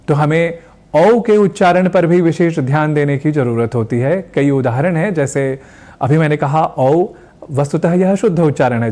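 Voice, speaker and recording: Man with a measured teaching voice. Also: on the high side, warm tone. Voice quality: careful, deliberate enunciation of sounds. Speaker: Sanskrit language teacher. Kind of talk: scripted televised pronunciation lesson.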